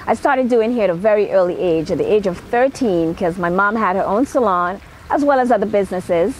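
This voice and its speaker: Speaking fairly quickly at a medium pitch with lively intonation, this middle-aged woman with a Trinidadian accent delivers a motivational personal talk to camera outdoors, on a patio at night. She's a celebrity hairstylist and makeup artist, and her emphatic delivery keeps returning to "okay." The recording is rough, with slight background noise.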